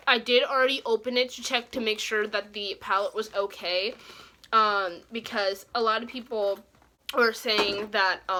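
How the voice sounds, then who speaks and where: A young woman with a very bright, forward voice chats informally to her viewers. Her speech is slightly awkward from a swollen, sore cheek, as if she just had dental work. She rambles along in a casual beauty-vlog style. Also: on the high side, a little hiss or hum. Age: young adult. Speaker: beauty vlogger. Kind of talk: casual chat to camera.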